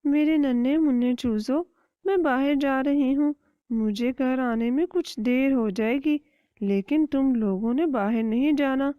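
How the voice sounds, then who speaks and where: A woman voicing a caring, worried mother hen in a cartoon, speaking gently. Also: sits high, clear, resonant tone, dry recording, voice pushed up, lightly acted. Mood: tender. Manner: gentle, pleading explanations. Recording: dull dry lo-fi recording.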